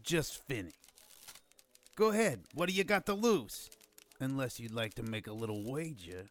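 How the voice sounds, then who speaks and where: A man's voice: mid-range voice, animated, normal speed, lightly acted. An actor playing a cocky, mocking wise guy in an audio drama, sardonic and taunting in the way he talks. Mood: smug, knowing.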